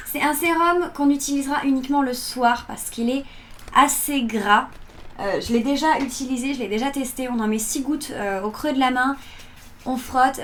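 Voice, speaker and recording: A woman's voice: high voice, fairly bright tone. A woman in her early twenties chatting informally as she presents beauty products in a casual vlog review. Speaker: beauty box unboxing vlogger. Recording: electric fan noise in background. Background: whirring electric fan.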